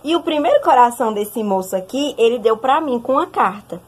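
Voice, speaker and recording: A young woman sharing a personal testimony in a casual, animated way, often turning to speak straight to her listeners. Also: on the high side, brisk, breathy edge. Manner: animated, addresses listeners directly.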